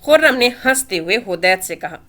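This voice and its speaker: A woman reading a novel aloud with expressive storytelling. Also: mid-range voice, moderate pace. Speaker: narrator.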